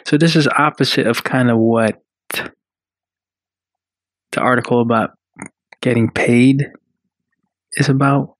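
A man co-hosting a radio talk show at a studio mic, with a dry, close sound. He chats casually and reads article passages aloud in a halting way, with plenty of fillers. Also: mid-range voice, fairly even intonation, no echo. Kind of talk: casual chat.

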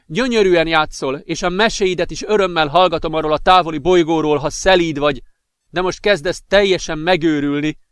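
A man's voice: a little high, fairly bright tone, smooth, no echo, voice pushed up, natural voice. Man playing anxious caring girlfriend, raised pained voice, dry booth. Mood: distressed. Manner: pleading, pained. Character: worried young blonde woman, caring girlfriend.

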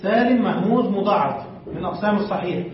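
A man's voice: sits high, fast talker, crowd noise. A man teaching Arabic morphology to a class, reading from a text and putting questions to the students, then answering them himself. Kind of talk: classroom lesson explaining a text. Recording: distant, muffled, very echoey room recording.

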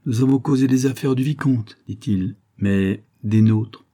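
A man's voice: medium pitch, unhurried, warm tone, voice pushed up. A man voicing a cunning young man who poses as a servant and speaks in a sly, insinuating way, in an audiobook. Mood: knowing.

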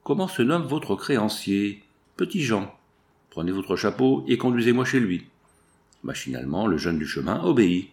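A man reading a classic novel aloud as an audiobook narrator, shifting his pitch for each character's lines. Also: big pitch swings, moderate pace, a little mellow.

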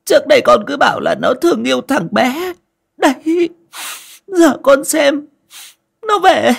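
A man voicing a scheming elderly mother with a high, wailing voice. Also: animated, unhurried, gravelly, a bit bright, heavily acted. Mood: whining.

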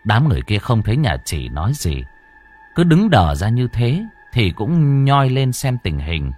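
A man narrating a ghost story with a dramatic delivery. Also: on the low side.

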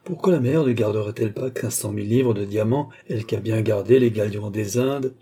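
A sly, sardonic con man in a storybook read-aloud, as a man reads him. The voice is mellow and husky, confident and a little mocking. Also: fairly low pitch, fairly quick. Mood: scheming. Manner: scheming and mocking. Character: cunning, sardonic male swindler.

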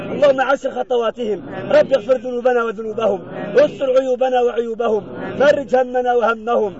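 Man leading funeral prayers outside, quick and rhythmic, crowd murmuring amen, kinda muffled audio. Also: very high voice. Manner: fervent, rhythmic repetition of supplications. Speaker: preacher. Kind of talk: graveside funeral sermon and supplication. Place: outdoors at a cemetery. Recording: muffled outdoor recording with crowd. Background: mourners answering amen.

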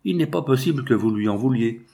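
A man's voice: mid-range voice, expressive, quick pace, gravelly, mellow. Humble grieving mother, read by a man. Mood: pleading.

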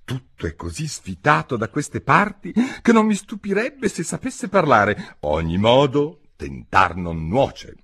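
A man's voice: mid-range voice, sing-song, unhurried, hardly any pauses, a bit bright, slightly rough, pitched above the performer's own voice, full character voice. A man voicing a well-meaning, talkative young girl in an audiobook, raising his voice to sound girlish. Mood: musing. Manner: eager, chattering, tactless.

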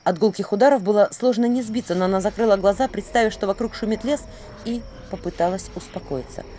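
A woman narrating a fairy-tale audiobook in an expressive, dramatic reading. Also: mid-range voice, fast, slight background noise. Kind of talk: scripted narration.

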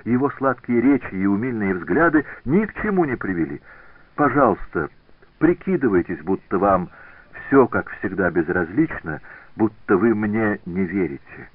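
A man's voice: fairly low pitch, expressive, moderate pace, no room sound. A man voicing a jealous, tearful young woman in an audiobook reading, pleading and boasting by turns. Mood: coaxing. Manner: pleading, then teasing and indignant. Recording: tinny phone-like dry recording.

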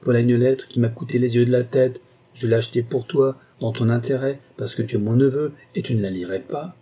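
A man's voice: medium pitch, steady tone, a little fast, dark tone, slightly rough. A man reading an audiobook, voicing a voluble, scornful older uncle who scoffs at his nephew. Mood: scornful, pushy. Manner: voluble, mocking.

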